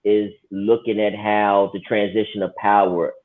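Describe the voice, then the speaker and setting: A man's voice: on the low side, little pitch movement, a little slow. A man co-hosting a casual political talk, musing and sarcastic, often restarting his sentences. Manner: sarcastic, reflective, many restarts. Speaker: podcast co-host. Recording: tinny phone-like line.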